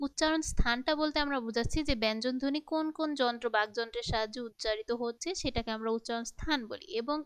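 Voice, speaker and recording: A woman teacher delivers a patient grammar lesson aimed straight at her students. Her voice sits high and comes across crisp and resonant. The sound is close and dry, with no room around it. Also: fast, few pauses, dry recording. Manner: patient, explains step by step and speaks straight to students.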